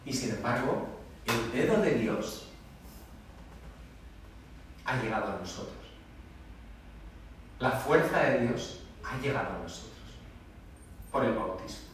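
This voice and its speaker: A man's voice: mid-range voice, expressive, slow, long pauses, distant mic, slight background noise. Preaching man in an echoey church. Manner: emphatic, conversational preaching with dramatic quoted voices. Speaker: priest. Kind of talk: homily.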